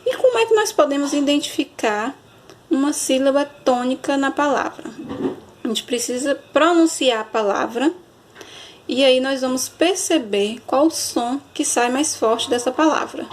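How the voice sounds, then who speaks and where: A woman teacher, giving a recorded grammar lesson and often checking understanding with a quick question. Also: on the high side, slight background noise. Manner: explanatory, checks understanding with frequent "certo?"; stretches and stresses example words slowly.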